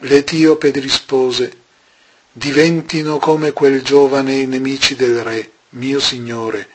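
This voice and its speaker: A man giving a measured, solemn scripture reading with long pauses between phrases. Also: mid-range voice, little pitch movement, slight background noise. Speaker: scripture reader.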